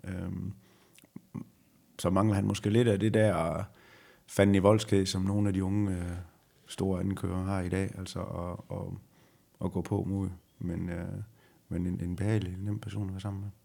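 A middle-aged man, a former rally driver, answering interview questions slowly and reflectively, often pausing to find his words. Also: sits low, level tone, creaky, mellow. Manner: slow, reflective, halting. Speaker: retired rally driver as guest. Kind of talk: conversational interview.

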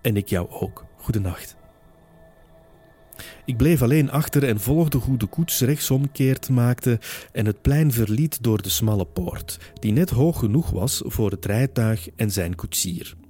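A man narrating a first-person story as an audiobook in a measured storytelling manner. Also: medium pitch, expressive, dark tone, faint music behind.

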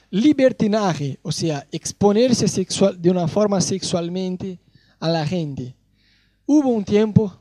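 A male preacher giving a sermon, an animated storyteller who jokes about his own youth. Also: high voice, no echo. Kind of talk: sermon with personal anecdotes.

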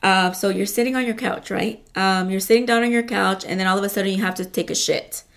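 A woman's voice: mid-range voice, fairly even intonation, quick pace, vocal fry. A woman hosting a casual motivational talk, rambling with lots of fillers and frequent swearing, often calling her listeners "you guys".

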